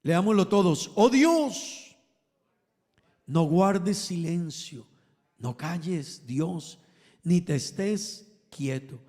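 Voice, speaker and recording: A man preaching a sermon to his congregation, emphatic, rising loud and falling soft as he calls them brothers. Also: high voice, animated, extremely slow, in a large hall. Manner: emphatic, swells and drops in volume, addresses congregation as brothers.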